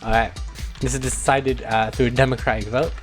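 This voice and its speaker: A man's voice: medium pitch, flat delivery, brisk, faint music behind. A young British man streaming a mock lesson to his chat in a mock-serious manner, prone to chuckling.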